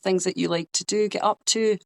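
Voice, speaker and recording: A man's voice: high voice, fairly even intonation, brisk, gravelly. A man interviewing a fighter in a casual chat, agreeing often and asking open questions. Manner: agreeable, frequent "yeah", "a hundred percent".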